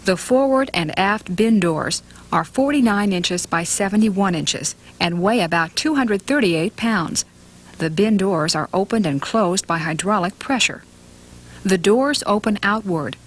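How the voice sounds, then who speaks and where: A woman reads scripted instructional narration for a training film, measured and matter-of-fact. Her voice is mid-range and animated.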